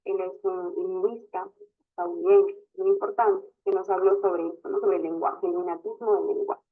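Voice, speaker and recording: A teacher walks through a lesson step by step, tagging sentences with little questions to check the class is following. The voice sits at an ordinary middle pitch. It comes through narrow and tinny, like a phone line. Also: flat delivery, normal speed. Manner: explains step by step, constantly adds a questioning tag. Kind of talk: online class lecture.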